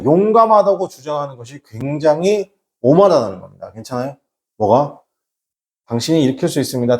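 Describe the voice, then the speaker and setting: A man's voice: fairly high pitch, warm tone. A male teacher giving a lecture, casual in manner, who often asks himself questions and acts out quoted lines while telling a personal story.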